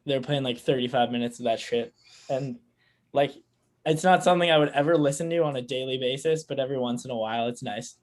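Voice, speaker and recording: A man's voice: medium pitch, quick pace. Easygoing man running a casual chat. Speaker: podcast co-host running the game.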